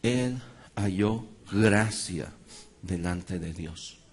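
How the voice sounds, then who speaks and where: A man's voice: low-pitched, extremely slow, darkish tone, breathy edge. A man preaching a sermon, emphatic and dramatizing Bible stories.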